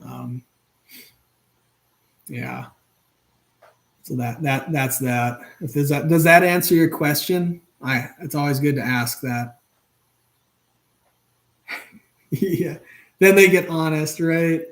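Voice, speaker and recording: A man's voice: on the high side, slow pace, long pauses. A man in his thirties hosting a live stream from his home workshop, chatting loosely with many fillers and restarts. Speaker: channel host. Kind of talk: casual live-stream chat.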